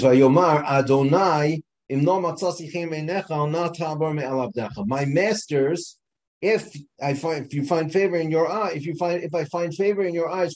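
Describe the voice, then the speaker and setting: A man teaching an informal Torah class, explaining slowly and often restarting his phrases. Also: fairly high pitch. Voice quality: many restarts and repeated words, conversational explaining.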